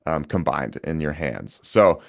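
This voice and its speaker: A man's voice: very deep voice, lively intonation, a little slow, gravelly. A young man talking casually and emphatically as a podcast guest, swearing now and then. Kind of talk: casual conversation.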